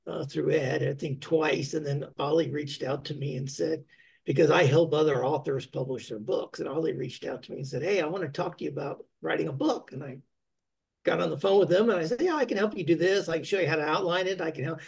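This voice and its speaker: A man's voice: a little high, fairly quick, gravelly, husky. A man, an author who helps others publish, telling a friendly anecdote on a video call panel.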